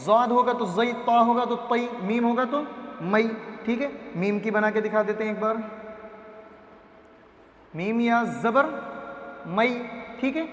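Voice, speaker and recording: A man teaching a reading lesson at a board, patient, sounding out letters slowly and often checking understanding. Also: very high-pitched. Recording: echoey room with long reverb.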